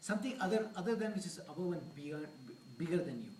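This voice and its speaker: A man's voice: sits high, lively intonation, fast, darkish tone, a little hiss or hum. A man giving an earnest discourse at a temple, mixing Hindi phrases into English. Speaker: temple speaker. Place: temple hall. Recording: echoey hall, mic far off.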